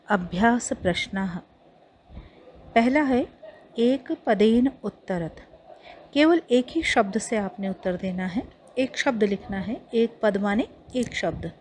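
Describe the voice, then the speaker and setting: A woman's voice: fairly high pitch, a little mellow, a little hiss or hum. A woman with an Indian accent teaches a Sanskrit lesson, reading each line and explaining it in Hindi.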